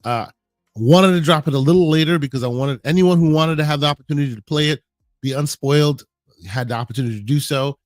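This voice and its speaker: A man hosting a casual podcast, hoarse and under the weather, talking in a halting way with many restarts and friendly shout-outs to listeners. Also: fairly high pitch, dry recording, studio quality. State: hoarse, sick. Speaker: podcast host.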